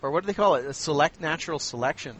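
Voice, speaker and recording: A man's voice: a little high, expressive, rapid-fire, poor audio. A man in casual conversation, talkative, often laughing and acting out quotes. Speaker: conversation guest. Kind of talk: casual chat.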